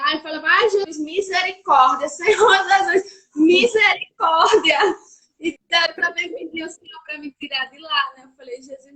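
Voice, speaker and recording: High-pitched woman in her 30s, earnest faith testimony, voice cracking sometimes, video call. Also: a bit bright, low-quality recording. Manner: earnest, voice breaking at times. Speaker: guest sharing testimony. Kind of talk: emotional religious testimony.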